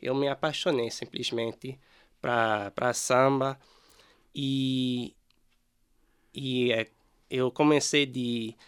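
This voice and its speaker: Slow, hesitant Canadian man. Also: medium pitch, fairly even intonation, clear, resonant tone. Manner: hesitant, many fillers and restarts in a second language. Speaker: musician guest.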